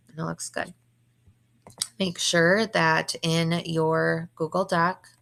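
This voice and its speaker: A young woman teacher walks her students through a computer task in quick, casual steps. Her voice is hoarse and heavily gravelly, sitting a little low. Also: a bit bright. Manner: quick, casual step-by-step instructions. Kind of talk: screen-recorded classroom tutorial.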